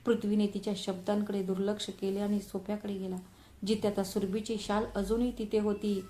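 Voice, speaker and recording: A woman telling a family drama story in a measured, emotional narration. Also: medium pitch, level tone, warm tone, slight background noise. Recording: roomy echo.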